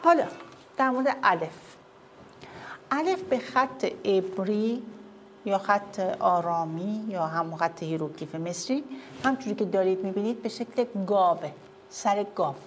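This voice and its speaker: A woman's voice: medium pitch, lively intonation, a little hiss or hum. A woman giving a classroom lecture with slides, often asking her listeners whether they see and follow.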